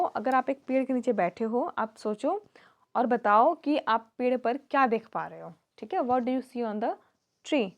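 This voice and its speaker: A young woman teaching young children, slowly reading English sentences and then explaining them in Hindi. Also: a little high, darkish tone. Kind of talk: explaining a textbook lesson to children.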